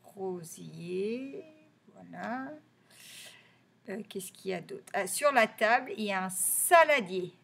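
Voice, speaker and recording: Teaching young children to read in French, a woman patiently repeats each word and stresses its sounds. Her medium-pitched voice is animated, a little slow, creaky, and fairly bright.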